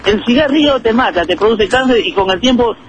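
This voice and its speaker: A man's voice: very high-pitched, expressive, brisk, muffled recording, background noise. A man from Peru, an incense seller rambling earnestly with lots of fillers in a street interview. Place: flower shop by a busy avenue.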